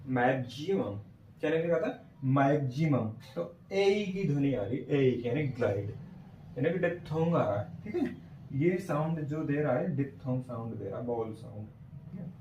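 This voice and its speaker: A male teacher giving a classroom lesson on phonetic transcription, slowly sounding out words and often checking whether students follow. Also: a little high, lively intonation, a little mellow, highs cut off, a little hiss or hum. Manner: slow, repeats sounds and checks understanding often. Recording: echoey room from far off.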